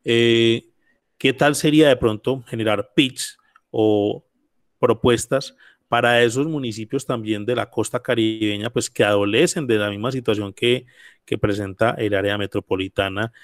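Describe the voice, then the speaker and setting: A man's voice: fairly low pitch, steady tone, moderate pace, no echo, clean studio sound. A man hosts an interview, putting wordy, roundabout questions in a conversational way. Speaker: interviewer, host.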